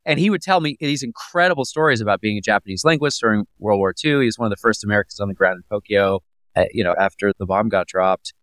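A man with a lowish, slightly bright voice talks fast while hosting an interview podcast. The conversation is casual, chatty and friendly, sprinkled with teasing asides, and the recording is dry.

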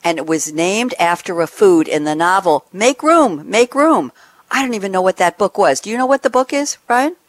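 A woman's voice: medium pitch, animated, normal speed, no room sound. A woman hosting a radio call-in show, chatting playfully with callers and reading bits aloud to them. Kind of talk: casual chat.

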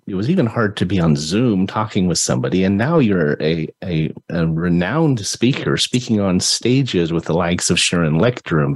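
A man's voice: low-pitched, husky. A middle-aged man hosting an interview in a friendly, chatty way, often restarting his sentences. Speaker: podcast host. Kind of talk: conversational interview.

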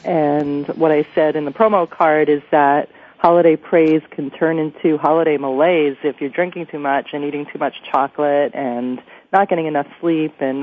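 An American woman hosting a chatty radio interview, sounding nasal and congested with a cold. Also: low voice. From New York, USA. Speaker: radio show host. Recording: thin phone-line radio sound.

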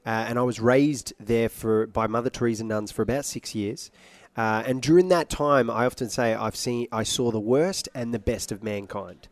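A man's voice: mid-range voice, moderate pace, few pauses, no echo. A man talks as a guest on a radio interview, joking and playful. He is from Iraq and works as a singer. The sound is close and dry. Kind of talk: interview conversation.

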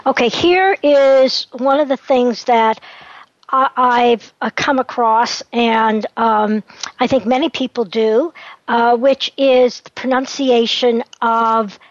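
A woman's voice: on the high side, steady tone, takes it slowly, dry recording, dull audio. A woman hosting an interview, asking questions in a conversational, inquisitive way. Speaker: interview host. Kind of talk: radio interview.

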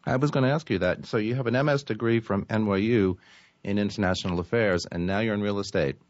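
Fast talking guy hosting radio interview, lowish voice, bit muffled. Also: dry recording. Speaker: radio show host. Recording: slightly dull dry radio audio.

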